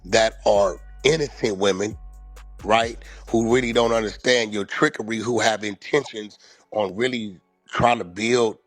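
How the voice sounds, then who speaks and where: A man's voice: lowish voice, husky, no room sound. A man ranting profanely and boastfully, mocking others by acting out their voices.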